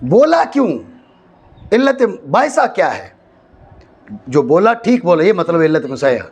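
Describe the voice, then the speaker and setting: A man from Pakistan teaching a classroom lecture, often stopping to check that students follow and slowly repeating key phrases for stress. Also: sits high, big pitch swings, slightly rough. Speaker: teacher of Arabic grammar. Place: madrasa classroom.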